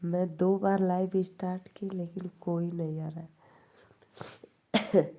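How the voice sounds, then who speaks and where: A woman's voice: fairly low pitch, level tone, slow, dark tone. A woman with an Awadhi accent hosting a live stream, chatting casually with viewers, teasing them and laughing often.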